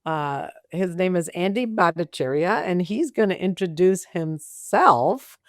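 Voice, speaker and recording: A woman's voice: on the low side, expressive, unhurried, dry recording, studio quality. A woman hosting an interview podcast, chatting casually with joking asides. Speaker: podcast host.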